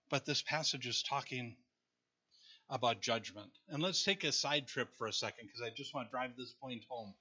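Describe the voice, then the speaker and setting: A man's voice: on the high side, pushed and bright, lo-fi sound. A man preaching a conversational sermon, reading scripture aloud and joking with his congregation. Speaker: pastor.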